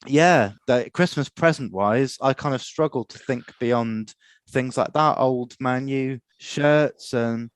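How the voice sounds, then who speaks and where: A man co-hosting a comedy podcast, chipping in with dry, deadpan asides. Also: mid-range voice, slow, smooth, no echo. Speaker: podcast co-host. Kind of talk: casual comedic chat.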